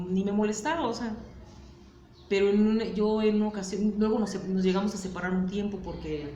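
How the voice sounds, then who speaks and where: A woman's voice: medium pitch, a little mellow, roomy sound, a little hiss or hum. A woman with a Mexican Spanish accent, speaking candidly and hesitantly in a personal testimony interview, with many fillers and tag questions.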